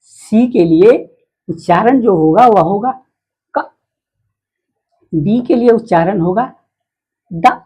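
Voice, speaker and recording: A woman teaches letter sounds to beginners at a slow, patient pace. Her voice has a husky, breathy edge. She keeps repeating herself and quizzing the listener as she goes. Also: mid-range voice, warm tone, low-quality recording. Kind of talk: phonics lesson.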